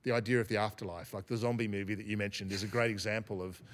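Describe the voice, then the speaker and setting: A man speaking as a guest academic in an interview, reflective and unhurried, often restarting his sentences. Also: on the low side, steady tone. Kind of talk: thoughtful podcast interview.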